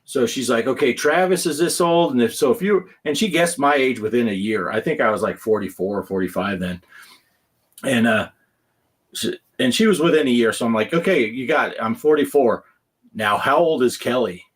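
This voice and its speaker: A man in his fifties hosts a casual gaming podcast, telling stories chattily, laughing often and acting out quoted lines. His voice is mid-range and slightly rough, at a moderate pace.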